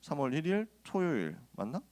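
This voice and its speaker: Lively, high-voiced man preaching to teens. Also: moderate pace. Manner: lively storytelling, casual and joking, then exhorting. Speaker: pastor. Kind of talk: youth sermon with personal stories.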